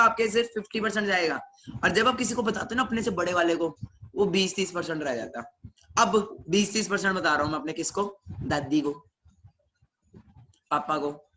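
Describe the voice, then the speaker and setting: A man's voice: sits high, bright, forceful tone, a little hiss or hum. A young man tells a motivational story at a webinar. He talks with animation and often puts questions to his audience. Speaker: webinar speaker.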